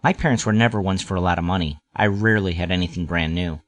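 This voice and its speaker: Speaking quickly in a lowish voice, a man narrates a scripted first-person story. Acting as storyteller, he frames it as a nostalgic look back.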